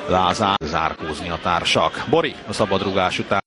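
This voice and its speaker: A man working as a football commentator, following the play live. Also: deep voice. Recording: crowd and noise, live match broadcast.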